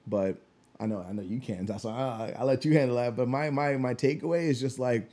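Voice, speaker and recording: Mellow young man chatting casually, slangy. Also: medium pitch, fairly quick. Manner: slangy, swearing, laid-back. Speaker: podcast co-host. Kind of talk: casual chat.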